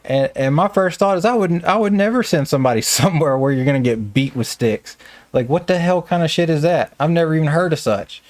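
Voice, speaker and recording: A man's voice: on the high side, brisk, no room sound. A man with a Southern American accent who runs a staffing business, telling stories in a casual, plainspoken interview.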